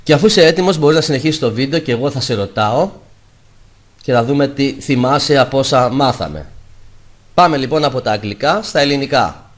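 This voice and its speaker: A man's voice: mid-range voice, expressive. Man teaching English vocabulary. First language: Greek. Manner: says English words louder and slower, then Greek translations. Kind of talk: vocabulary lesson.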